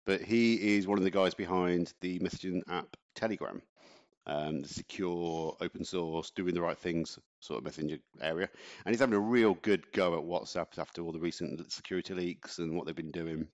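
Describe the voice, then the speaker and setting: Man, very low voice, chatty ranting podcast co-host, dull lo-fi mic. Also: normal speed. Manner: chatty, ranting, laughs often. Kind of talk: casual chat.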